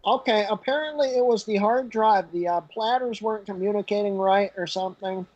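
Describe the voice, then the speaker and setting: A high-pitched man chats casually, wandering through stories with lots of ums and uhs. His voice comes over a laptop call that glitches and freezes. The sound is dull and dry, with no room around it. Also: brisk, darkish tone, no room sound. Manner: rambling, with many fillers. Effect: glitching, freezing call audio. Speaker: podcast co-host. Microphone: laptop on a video call.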